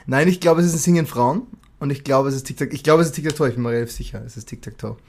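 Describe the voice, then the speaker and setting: A man's voice: medium pitch, rapid-fire, a little mellow, a little hiss or hum. A man, a musician guest, talking casually and thinking aloud with frequent restarts. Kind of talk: casual conversation.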